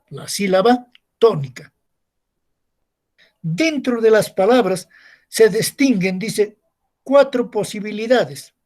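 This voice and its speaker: A man's voice: high-pitched, darkish tone. A male secondary school teacher giving a recorded class, explaining step by step and asking rhetorical questions to his students.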